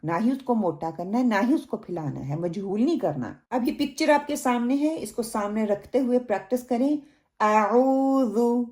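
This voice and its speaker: A woman gives a recorded recitation lesson at a very unhurried pace. Her voice sits in a middle pitch range. She explains each point patiently and stretches out the words she demonstrates. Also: warm tone. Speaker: Quran recitation teacher.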